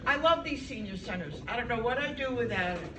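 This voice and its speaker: Talking fast, with a fairly high pitch and lively intonation, this woman in her 70s from Brooklyn, New York, performs chatty, self-mocking stand-up and banters with her listeners. It's captured from a distance in an echoey senior center hall, where a loud crowd's reactions and general room noise come through.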